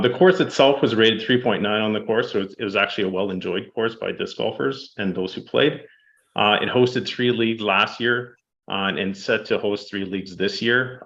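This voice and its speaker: A man presenting statistics to a city council, steady and fact-heavy, with frequent ums. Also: on the low side, normal speed, vocal fry, dull audio. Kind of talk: public presentation. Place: council chamber.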